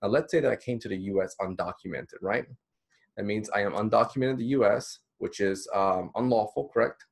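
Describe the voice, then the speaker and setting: Man in his thirties, from the Dominican Republic, low voice, relaxed encouraging lecture, webcam talk in a small room. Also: a little fast, creaky, breathy edge. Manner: conversational, encouraging, with many fillers. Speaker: counselor teaching a course. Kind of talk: recorded slideshow lecture.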